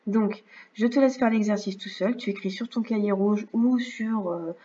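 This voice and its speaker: A woman teacher giving a remote reading and maths lesson to young children, speaking slowly and clearly and often checking in with "d'accord?". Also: mid-range voice, warm tone. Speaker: first-grade teacher. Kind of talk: remote lesson narration over slides. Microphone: computer mic. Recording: slightly dull lo-fi sound.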